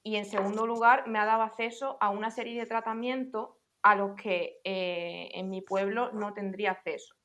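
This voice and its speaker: A young adult woman co-hosting a casual podcast, explaining points in a clear, organized way. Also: mid-range voice, fairly even intonation, normal speed, few pauses, a bit bright. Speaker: podcast co-host.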